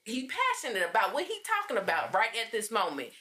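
A woman's voice: a little high, wildly swooping pitch, fairly quick, pushed and bright. A woman co-hosting a podcast, explaining earnestly in casual chat. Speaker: podcast co-host.

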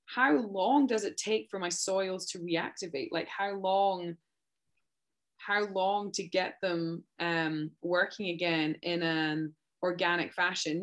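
Woman host, lowish voice, curious questions, podcast interview. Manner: curious, asking follow-up questions.

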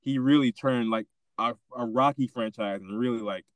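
A man's voice: medium pitch, moderate pace, no echo. A man hosting a casual film discussion, often restarting his sentences and feeling his way through thoughts. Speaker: host asking questions.

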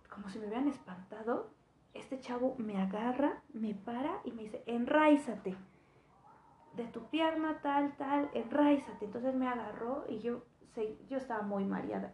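A young Mexican woman telling a personal story in casual podcast talk, chatty and sometimes dropping to a soft near-whisper, sounding tired. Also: on the high side, creaky, slight background noise. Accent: Mexican Spanish. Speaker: podcast host. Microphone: voice message recording. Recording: echoey room with faint ambience.

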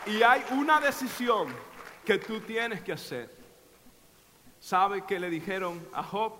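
A man preaching a sermon, impassioned, swinging from hushed storytelling to shouting. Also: extremely high pitch, in a large hall.

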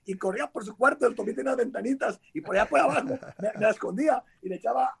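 A man with a Mexican accent telling lively stories in casual chat, acting out quotes. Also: very high voice, quick pace, vocal fry, breathy edge. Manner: animated, laughing, acting out shouted quotes. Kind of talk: casual storytelling.

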